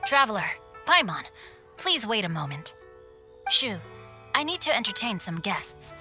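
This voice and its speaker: Bright, refined young nobleman. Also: mid-range voice, sing-song, measured pace, soft background music, full character voice. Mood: courteous. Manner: formal, polite, eloquent. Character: refined bookish young nobleman, courteous, composed, articulate. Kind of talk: video game cutscene acting.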